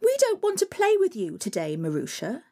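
A woman's voice: fairly high pitch, wildly swooping pitch, normal speed, creaky, dark tone, exaggerated voice. A woman voicing spoiled, mean young stepsisters in a spoken folk tale, in a bratty, squealing manner.

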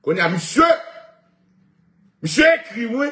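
A man telling a boastful story in an animated rant, laughing often as he talks. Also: high-pitched, unhurried, reverberant. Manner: animated, laughing, switching between Haitian Creole and French.

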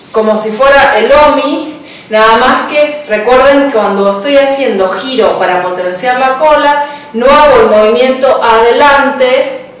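A woman teaches belly dance, calling out steps and counting beats. Her voice sits fairly high and moves unhurried. It comes from a distance into a very echoey room, with dance music faint behind her. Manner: counts beats aloud while dancing, brief cues. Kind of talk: counting and cueing a dance class.

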